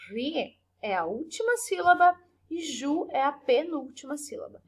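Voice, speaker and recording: High-voiced patient woman teacher. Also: a bit bright. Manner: patient, slow syllable-stressing explanations with frequent tag questions. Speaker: primary school teacher. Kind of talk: recorded remote class for children.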